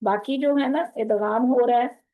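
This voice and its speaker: In an online tajweed lesson for women students, a woman with a Pakistani Urdu accent teaches Quran recitation rules, explaining patiently and quizzing her class. Her voice is a little high and dark, at a measured pace, and the recording is rough.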